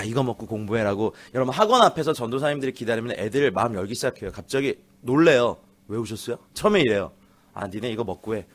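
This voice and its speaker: Guy preaching in church, lively and jokey, acts out kids' lines, voice jumps around a lot. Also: medium pitch. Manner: animated, laughing storyteller, acts out teen voices. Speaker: guest pastor. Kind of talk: lively sermon with acted quotes. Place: church sanctuary.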